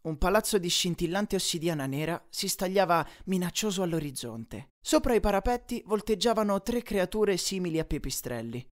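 A man narrates a first-person adventure audiobook. His voice is animated, with wide swings in pitch. He reads dramatically, sinking low and quiet when the tension builds. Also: moderate pace, hardly any pauses. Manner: dramatic, dropping low and quiet on tense lines. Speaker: audiobook reader.

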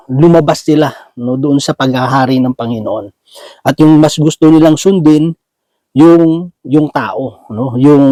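Mellow-voiced man preaching conversationally. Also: a little high, no room sound, rough recording. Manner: conversational, keeps asking "di ba?" and "no?"; searching for words, many restarts and fillers. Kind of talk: Bible teaching sermon.

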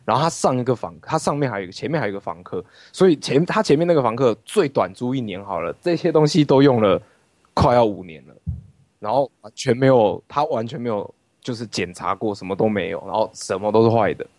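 A man hosting a livestream, telling stories in an animated way and swearing freely. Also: medium pitch, quick pace, no echo. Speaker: livestream host. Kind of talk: casual storytelling chat. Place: his rented room at home.

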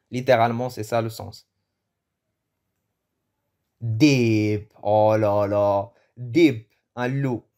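A man giving a casual, joking vocabulary lesson, often restarting and correcting himself. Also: mid-range voice. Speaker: language teacher.

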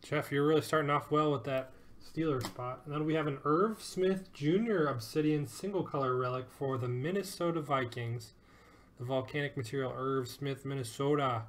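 A man's voice: mid-range voice, normal speed. A man hosting a live sports card break, upbeat and joking as he calls out each card and who it goes to.

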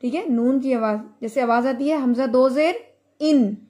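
A woman teaching Quran recitation in an online class, explaining rules slowly and then chanting each verse for her students to repeat. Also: high voice, dark tone. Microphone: video call.

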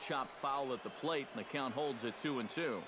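A man playing a steady, polished play-by-play baseball announcer in a sports video game. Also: mid-range voice, noisy background, close to an everyday voice. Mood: steady, engaged. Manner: polished, measured broadcast delivery. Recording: loud stadium ambience behind the voice.

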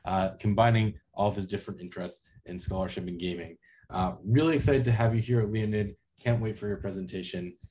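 A man's voice: on the low side, fairly quick, warm tone, slight background noise. A man in his thirties hosting an online conference and introducing a speaker over a video call. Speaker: conference session host. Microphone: video call, close to computer.

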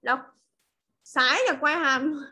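A woman from Vietnam with a Vietnamese accent, teaching English pronunciation over a video call, modelling words slowly and clearly before explaining them. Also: high voice, fairly even intonation, sharp tone. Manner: slow drilled modelling of words, then quick explanations. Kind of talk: online class teaching.

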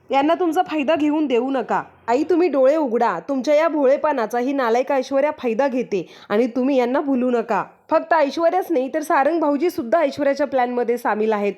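A woman voicing an angry young daughter-in-law who accuses and pleads in a high voice, while retelling a TV serial episode. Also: a little fast, few pauses, a little mellow, highs cut off, natural voice. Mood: pleading.

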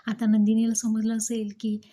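A woman's voice: on the high side, monotone, moderate pace, warm tone. A woman retelling the scenes of a TV serial episode as a story, reading out the characters' lines as she goes.

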